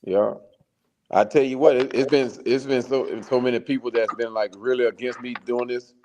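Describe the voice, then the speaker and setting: A man's voice: medium pitch, steady tone, fairly quick, a little mellow. A man appearing as a guest on a casual sports talk stream over a video call, earnest and rambling, often repeating himself. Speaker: guest content creator.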